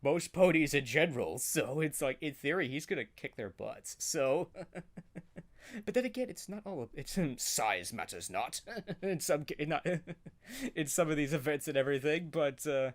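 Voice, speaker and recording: A man reacts off the cuff in a fairly high, lively voice. He is casual, giggly and halting, rambling through his commentary.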